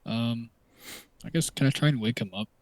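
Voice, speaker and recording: A man's voice: mid-range voice, moderate pace, no room sound. A man playing a tabletop game, talking casually and swearing freely. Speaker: player.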